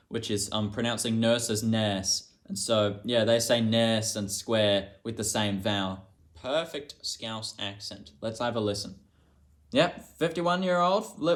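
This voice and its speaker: A young man fresh out of high school talks to his camera in a loose, casual vlog. He jokes at his own expense and drops a curse now and then. His voice sits at an ordinary middle pitch. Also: a bit bright. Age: young adult, just out of high school. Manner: chatty, self-mocking, swears casually. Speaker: vlogger.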